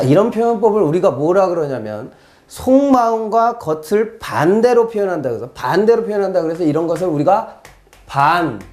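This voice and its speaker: Exam-prep lecturer, mid pitch with a very lively melody, who dramatizes quotes and asks rhetorical questions. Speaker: exam-prep literature teacher. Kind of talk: recorded classroom lecture.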